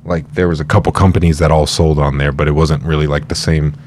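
A man's voice: rumbling low, level tone, quick pace, darkish tone, a little hiss or hum. A man co-hosting in a loose, informal chat style. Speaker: podcast co-host. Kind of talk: casual chat.

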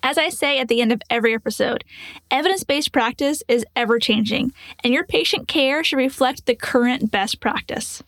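A woman's voice: high voice, a little fast, fairly bright tone, no echo. Earnest woman nurse podcast host. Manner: earnest, explanatory, rhetorical questions. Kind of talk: scripted podcast storytelling and teaching.

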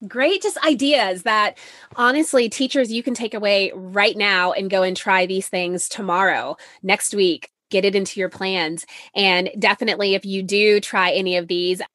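A woman's voice: medium pitch, fairly bright tone, no room sound, studio quality. A woman hosting a podcast, responding to her guest with effusive, enthusiastic praise. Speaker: podcast host. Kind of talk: conversational interview.

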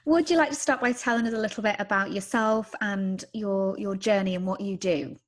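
A woman's voice: medium pitch, brisk. Upbeat woman hosting a podcast. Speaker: podcast host. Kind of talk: scripted intro, then casual interview.

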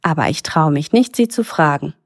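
A woman's voice: sits low, lively intonation, normal speed, breathy edge, dry recording, studio quality, full character voice. A woman doing a shy, bashful clownfish. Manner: hesitant, timid.

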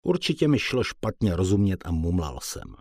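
A man's voice: low-pitched, big pitch swings, a little mellow, dry recording, studio quality. A man reading a first-person audiobook in a plain, colloquial storytelling manner. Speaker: audiobook narrator.

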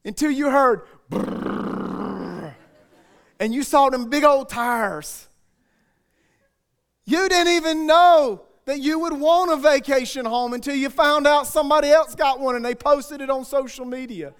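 A man's voice: extremely high pitch, normal speed, fairly bright tone. A male pastor preaching a sermon in a conversational, joking way with asides to the congregation.

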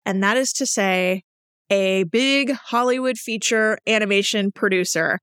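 A woman's voice: mid-range voice, a little slow, fairly bright tone, smooth, dry recording. An enthusiastic woman hosts her podcast in a casual monologue, gushing like a proud self-described nerd. Her voice sits mid-range and is recorded dry with no room sound. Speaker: podcast host.

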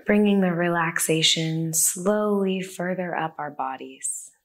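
Slow, soothing woman guiding a meditation. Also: on the low side. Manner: slow, soft and soothing, with long pauses. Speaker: meditation guide. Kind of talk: guided body-scan meditation. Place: a room with the listeners present.

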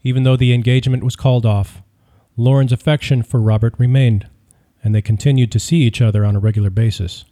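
Male narrator for a true-crime read, very mellow dark tone, steady delivery. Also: medium pitch, fast talker, hardly any pauses. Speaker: audiobook narrator. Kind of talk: scripted narration.

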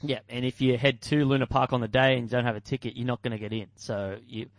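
A man's voice: medium pitch, level tone, quick pace, no room sound. An Australian man co-hosting a casual sports podcast, losing his voice and rambling with fillers as he talks betting lines and wraps up the show. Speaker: podcast co-host.

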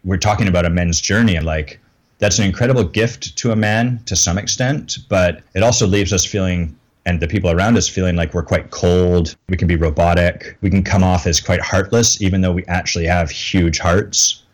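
A man's voice: low-pitched, fairly even intonation, brisk. A middle-aged man, a coach, talking candidly and self-deprecatingly in an interview, often laughing at himself. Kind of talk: reflective interview talk.

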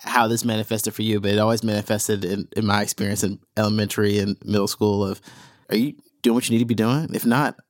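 A man's voice: lowish voice, steady tone, fast, dry recording, clean studio sound. A man hosting a podcast, asking questions in a friendly, upbeat way. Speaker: podcast host. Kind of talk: conversational interview.

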